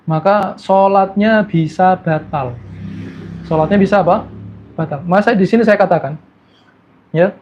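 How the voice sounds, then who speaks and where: A man with a fairly high voice preaches in with a tinge, posing questions to his listeners and answering them himself. He slows right down to sound out Arabic words. The audio is dull and lo-fi. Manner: rhetorical questions answered himself, slow drawn-out Arabic recitation examples. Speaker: Islamic preacher. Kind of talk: religious lecture.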